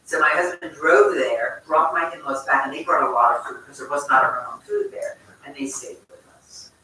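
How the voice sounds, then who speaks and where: An older woman telling a personal story to a group, chatty and animated, often breaking off mid-sentence and laughing. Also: deep voice, moderate pace, recorded from a distance, a little hiss or hum. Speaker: congregant sharing a memory. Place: large community room at a congregation. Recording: echoey room recorded from afar.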